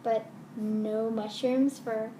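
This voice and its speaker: High-pitched woman, slow kids show host style. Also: flat delivery, mellow. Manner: kids show host, addressing children in a simple sing-song. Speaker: elementary math teacher. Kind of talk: children's math lesson, talking to kids. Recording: roomy echo with faint noise.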